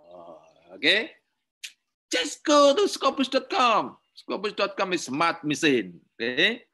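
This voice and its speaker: A university lecturer with an Indonesian accent leads a webinar tutorial, demonstrating over screen share in simple, non-native English. His high, bright, pushed voice swings hugely in pitch. He speaks slowly and repetitively, dropping "okay" again and again.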